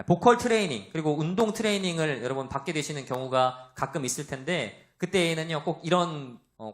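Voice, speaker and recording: Young male pastor, loud and animated, sermon delivery, fairly high voice with a lively swinging pitch. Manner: animated, acts out quoted voices, asks the congregation questions.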